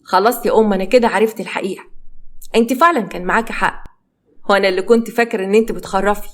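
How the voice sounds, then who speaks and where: A woman's voice: mid-range voice, racing, a bit bright, close to an everyday voice. A woman with an Egyptian accent voicing a betrayed young husband who speaks bitterly and coldly to his wife. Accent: Egyptian Arabic. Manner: bitter, reproachful.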